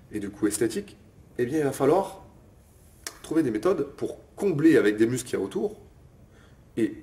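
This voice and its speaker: A man's voice: mid-range voice, mellow. A young man, a fitness coach, casually explaining bodybuilding methods to the viewer with frequent fillers and check-ins. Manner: informal, addresses viewer as tu, frequent "ok?" and "euh". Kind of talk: casual bodybuilding lesson to camera.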